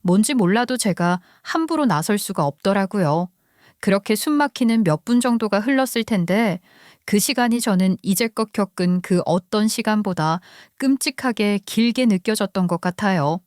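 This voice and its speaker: 차분하게 사연을 읽는 여성 내레이터. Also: female voice, medium pitch, normal speed, no echo, clean studio sound. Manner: steady, confiding first-person telling. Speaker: story narrator. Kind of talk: scripted storytelling narration.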